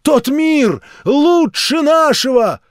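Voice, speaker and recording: A man voicing a fervent old street preacher woman in an audiobook, loud and drawn-out in a preaching manner. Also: very high-pitched, expressive, no room sound, clean studio sound, pitched above the performer's own voice, heavily acted. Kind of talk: audiobook reading.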